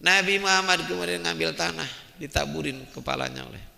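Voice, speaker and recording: Gravelly older preacher. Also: male voice, fairly high pitch, a little fast, slight background noise. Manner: lively, addresses the men as "Pak". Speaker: Islamic preacher. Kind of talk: storytelling sermon. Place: mosque hall. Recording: long echo of a mosque hall.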